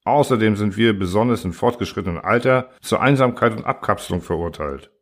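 A man voicing a huge, gentle old male alien in a storybook reading, speaking slowly and sorrowfully. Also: lowish voice, lightly acted. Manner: sad, slow and brooding. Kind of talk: audiobook character voice.

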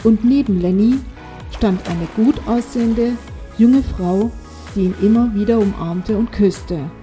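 A woman narrating a children's story in a calm, unhurried reading. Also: mid-range voice, soft background music.

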